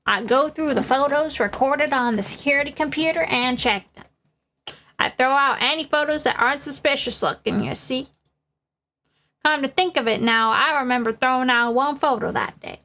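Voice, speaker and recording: A woman's voice: high-pitched, normal speed, sharp tone. A woman voicing a cranky, gossipy old woman security guard in a scolding old-lady drawl, reading game dialogue aloud. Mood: reminiscing.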